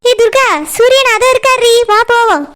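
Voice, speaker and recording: Woman doing Aishu, a bossy high-voiced girl. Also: steady tone, a bit bright. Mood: teasing. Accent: Kanyakumari Tamil. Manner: brisk, teasing, scolding. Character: bold bossy young girl friend Aishu. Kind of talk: cartoon voice acting.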